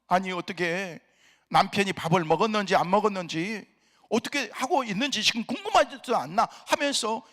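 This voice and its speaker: A man's voice: high voice, fairly bright tone, in a large hall. A middle-aged male pastor telling a personal story in a sermon, acting out both sides of an argument with his wife. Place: prayer retreat center chapel.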